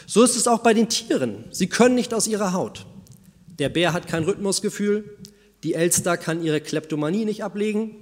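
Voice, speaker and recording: A man preaching a sermon, first telling a fable in a calm storytelling manner and then speaking to the congregation. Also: high-pitched. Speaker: pastor. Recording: long church reverb.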